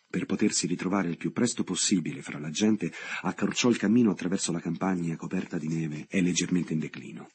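A man reading a literary novel aloud in a measured, dramatic way, with long pauses between phrases. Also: sits low, darkish tone, husky. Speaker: audiobook reader. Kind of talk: scripted literary narration.

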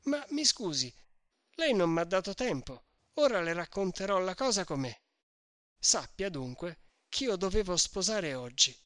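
A man's voice: sits high, sing-song, unhurried, fairly bright tone, no echo, clean studio sound, voice pushed up, heavily acted. A man doing an earnest young peasant, pleading. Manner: pleading, eager, raised voice.

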